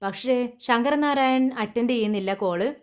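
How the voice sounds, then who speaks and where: Female recap narrator; conversational, slightly high-pitched. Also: moderate pace. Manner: conversational, with frequent restarts and fillers. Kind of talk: voice-over retelling a TV serial.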